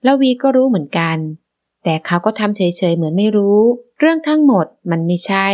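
Woman narrator, audiobook novel, measured storytelling, mid pitch, muffled lo-fi sound.

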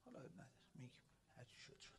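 A male cleric preaching a Muharram sermon in an Islamic center hall, impassioned, swinging from loud exhortation to hushed asides. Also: whispered.

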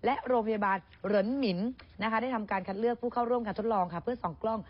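A woman co-hosts a news show and talks to viewers in a quick, chatty way. Her voice sits fairly high and moves fast. The sound is somewhat dull and lo-fi. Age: adult with a child. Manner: chatty, addresses viewers directly. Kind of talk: casual news chat.

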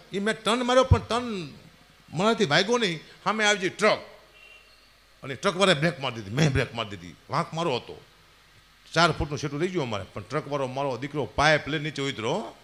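Guy cracking jokes at a folk show, high voice, bouncy, teasing. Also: fairly bright tone. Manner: chatty, teasing, punchline-driven. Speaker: folk comedian. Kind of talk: stand-up storytelling at a folk gathering.

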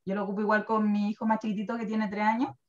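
A woman's voice: medium pitch, very fast. Chilean woman, 30s, talkative guest with lots of laughs, dull lo-fi sound. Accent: Chilean Spanish. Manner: chatty and animated, laughs often, tells things with feeling. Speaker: guest presenting wellness products. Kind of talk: casual chat. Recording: dull lo-fi recording.

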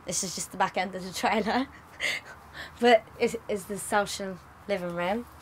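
A woman's voice: mid-range voice, moderate pace, slight background noise. A woman of eighteen, a newlywed, chatting casually to camera in a plain-spoken, informal way. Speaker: newlywed bride. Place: outdoors at night and inside a small caravan.

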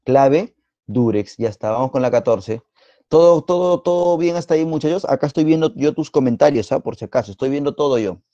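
In a live online biology exam-prep class, a Peruvian Spanish-accented man teases and quizzes his students playfully, rattling off repeated words quickly. His voice is mid-range and dark, and the lo-fi recording has no room sound.

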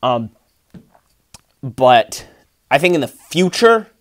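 Man, casual rambling vlogger, dry close phone sound, mid pitch. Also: very animated, takes it slowly, no echo. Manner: rambling, many fillers and restarts. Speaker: Lego city builder and channel host. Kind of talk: casual vlog walkthrough. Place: indoor room with a large Lego table, behind the camera.

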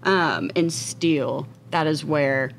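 A woman's voice: deep voice, slow, vocal fry, slight background noise. A woman co-hosting a casual chat, talking loosely with lots of "like" and joking asides. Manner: chatty, heavy use of "like", joking asides.

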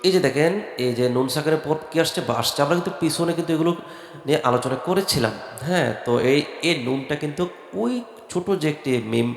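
A man teaching Quran recitation, spelling out each letter and vowel mark and then chanting the words slowly. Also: on the high side. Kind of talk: slow spelling-out recitation lesson. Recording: echoey room with long reverb and faint music.

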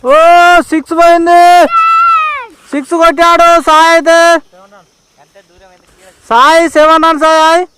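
Very high-pitched Telangana male cricket commentator. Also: flat delivery, unhurried, long pauses, background noise. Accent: Telangana Telugu. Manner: exclamatory, often repeats calls. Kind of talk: informal ball-by-ball commentary.

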